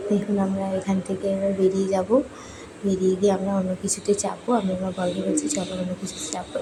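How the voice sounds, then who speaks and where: Young woman vlogging a family day out, chatty and cheerful, a bit hoarse, loud outdoor noise behind her. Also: mid-range voice. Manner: cheerful, chatty, addresses viewers directly. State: hoarse from swimming. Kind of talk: casual vlog narration. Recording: noisy outdoor ambience.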